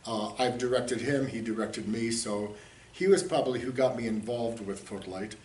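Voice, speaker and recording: A man's voice: mid-range voice, normal speed, a little mellow. A man in his sixties, raised in the United States, answering interview questions in an easygoing, rambling way with chuckles. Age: 60s. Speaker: interviewee, community theater director. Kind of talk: casual interview talk. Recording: roomy echo, distant mic, faint hiss.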